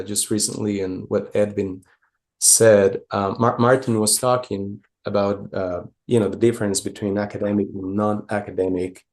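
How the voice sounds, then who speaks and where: Gravelly low-voiced man from Costa Rica. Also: a little mellow. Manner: hesitant, many fillers and restarts. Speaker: conference presenter. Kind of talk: conference talk with slides.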